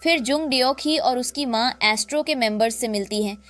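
A woman narrating a drama recap in a lively storytelling way, acting out the quoted lines. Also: on the high side, brisk, faint music behind.

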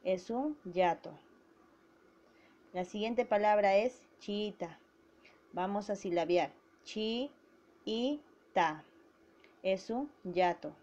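A woman teacher giving a grammar lesson to schoolchildren, slowly spelling out syllables. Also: medium pitch, mellow. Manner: slow and deliberate, spelling out syllables. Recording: dull lo-fi recording.

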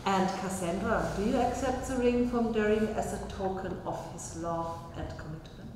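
A woman's voice: medium pitch, normal speed. A woman officiating a wedding in a small chapel, speaking formally and leading the vows line by line. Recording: echoey chapel reverb, faint noise.

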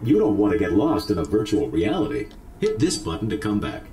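A man's voice: lowish voice, huge pitch swings, brisk, dark tone, faint music behind. A man voicing a cheerful male robot job instructor in a video game, explaining tasks step by step. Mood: upbeat.

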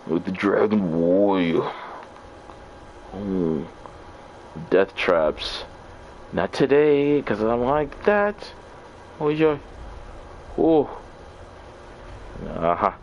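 A man's voice: fairly low pitch, animated, extremely slow, long pauses, highs cut off, slight background noise. A man commentating his live gameplay, trash-talking opponents in loose, profane slang. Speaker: game streamer.

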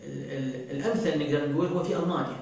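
A man talks through viewer questions, pausing often on long drawn-out fillers. His voice sits a little high for a man and sounds set back from the microphone in a very reverberant room. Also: steady tone, creaky, darkish tone. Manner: hesitant, many drawn-out fillers and restarts. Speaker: astrologer answering viewer questions. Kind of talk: casual talk show monologue. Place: indoor studio set at a desk. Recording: very roomy, from far off the mic.

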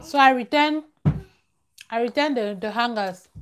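In a noisy background, a young woman with a fairly high voice speaks at a measured pace during a casual live stream. As a vlogger, she gives viewers advice and leans on repeated phrases for stress. She sits close to a plain wall in a small home room, wearing a clip-on lavalier at the collar.

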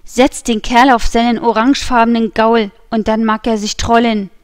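A woman's voice: on the high side, flat delivery, dry recording, natural voice. A woman reading the part of a haughty, mocking nobleman who speaks with cool contempt, in a dry audiobook recording. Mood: scornful. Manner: scornful, unhurried, mocking.

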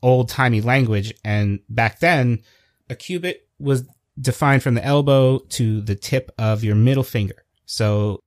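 A man's voice: mid-range voice, measured pace, dry recording, studio quality. Easygoing man co-hosting a podcast. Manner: easygoing, explanatory. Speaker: podcast co-host. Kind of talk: casual chat.

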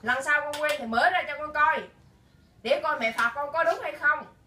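A woman's voice: sits high, moderate pace, bright, forceful tone. A mother, sternly scolding her child at home with question after question, filmed by a camera some distance away. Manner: stern, firing repeated questions. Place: room at home. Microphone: camera held by someone else some distance away. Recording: echoey room from a distance, faint hiss.

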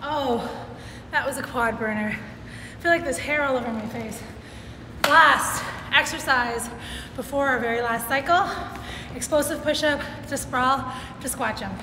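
A woman fitness trainer leading a home workout, giving upbeat coaching cues, counting down and cheering. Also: high voice. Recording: echoey room with long reverb and noise.

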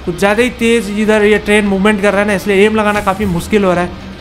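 A man giving excited gameplay commentary, taunting and repeating words in quick bursts. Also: sits high, faint music behind. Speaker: gaming channel host.

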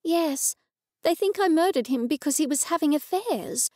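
A woman voicing an anxious middle-aged heroine, speaking a little higher and more urgently than her narration. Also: expressive, normal speed, darkish tone, no echo, studio quality. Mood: worried.

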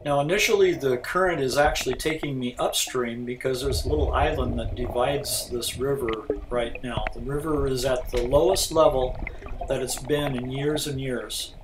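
A man's voice: medium pitch, normal speed. Older man, distant and noisy recording. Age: older, around 70s. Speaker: scuba diver and vlogger. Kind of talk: informal explanatory narration. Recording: distant, noisy outdoor camera audio.

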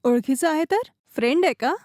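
A woman's voice: high-pitched, lively intonation, moderate pace, a little mellow, no room sound, clean studio sound. An actress playing a young girlfriend in a short film, teasing and playful with her boyfriend.

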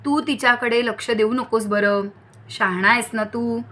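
A woman voicing a gentle grandfather in a children's story, calm and reassuring. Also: a little high, moderate pace, a little hiss or hum. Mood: soothing.

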